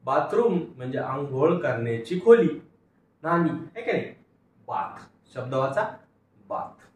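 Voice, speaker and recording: A man teaches a phonics lesson in a fairly high voice. He sounds out each word patiently and has pupils read it back after him. He is recorded from a distance in a very echoey classroom with a faint hiss. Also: sing-song, measured pace. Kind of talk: phonics lecture. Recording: echoey room from far off, faint noise.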